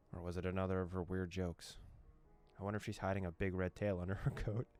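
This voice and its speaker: Reading a visual novel out loud and translating it, a young gaming YouTuber keeps things playful with jokes and frequent laughter. His voice sits low and sounds a little mellow.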